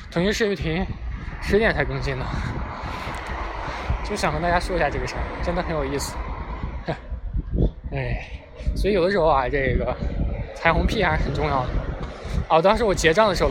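Chatty young man telling a story. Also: a little high. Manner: chatty, animated, self-mocking. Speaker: vlogger. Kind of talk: casual storytelling monologue. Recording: clear street and traffic noise behind. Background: passing vehicles.

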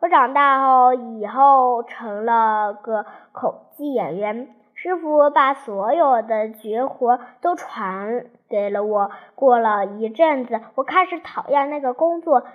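A woman's voice: a little high, slow, hardly any pauses, phone-quality sound. A woman voicing a sly, timid little old man who pleads and tells his story, read from a children's storybook. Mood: storytelling. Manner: timid, wheedling pleas.

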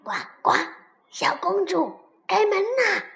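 A woman voicing a small, sly male frog who croaks between his pleading phrases in a storybook. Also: sits high, lively intonation, a little slow. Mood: calling.

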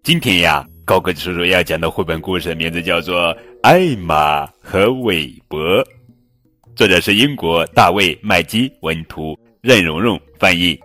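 A man hosting a children's picture book reading, telling the story with animated delivery. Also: sits low, moderate pace. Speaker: storyteller host. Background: faint background music.

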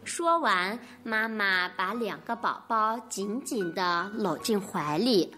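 A woman narrating a picture-book story for children in an expressive storytelling manner. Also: medium pitch, takes it slowly, faint music behind.

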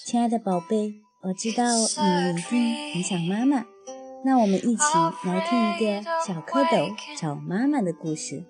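A woman reading a bedtime story softly and soothingly to a child. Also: mid-range voice, animated, normal speed. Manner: soft, soothing, lilting. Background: soft background music.

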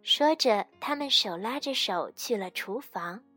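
A woman's voice: fairly high pitch, lively intonation, a little slow, pushed and bright, slightly rough, no room sound, soft background music. A woman reading a bedtime story aloud in a soothing way, speaking to a child. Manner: soothing, addresses child as darling.

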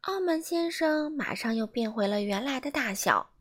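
A woman reading a children's storybook aloud in an animated way, asking the listeners questions. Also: fairly high pitch, moderate pace.

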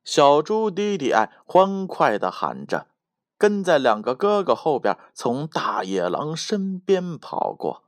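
A man reading a children's story aloud in an animated, drawn-out way. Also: a little high, dry recording.

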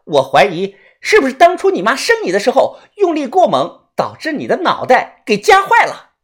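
A brash, foul-mouthed young fighter, loud and scolding, hurling insults with full force. The voice is lively and swooping, a comic wuxia storybook brawler, voiced by a storyteller. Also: medium pitch, rapid-fire, slightly rough, voice pushed up.

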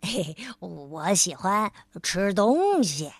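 A woman's voice: on the low side, sing-song, slow pace, husky, no room sound, voice pushed down, exaggerated voice. A woman doing a greedy food-loving little man. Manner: hesitant, chuckling with fillers.

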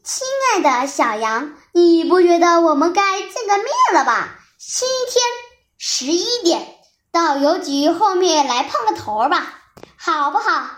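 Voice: very high-pitched, expressive, a little slow, fairly bright tone, reverberant, full character voice. Child doing a sly greedy old wolf. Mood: sly, coaxing. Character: scheming old male wolf, greedy and gruff.

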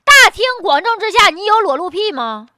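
A woman's voice: extremely high pitch, lively intonation, moderate pace, noisy background. A woman with a Northeastern Chinese accent giving casual, humorous news commentary in a blunt, mocking, colloquial way full of rhetorical questions. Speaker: host.

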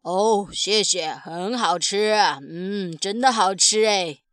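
A gruff but soft-hearted tyrannosaurus dad talks slowly and hesitantly, filling his pauses with drawn-out "uh"s, as a woman reads him in a storybook. His voice sits at an everyday pitch. The recording is close and dry. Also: no room sound. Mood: tender. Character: gruff yet tender tyrannosaurus father figure.

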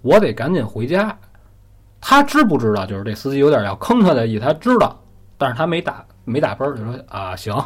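A man's voice: mid-range voice, sing-song, a little fast. A man telling a story in a chatty, conversational way, often asking the listener questions. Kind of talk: casual spoken storytelling.

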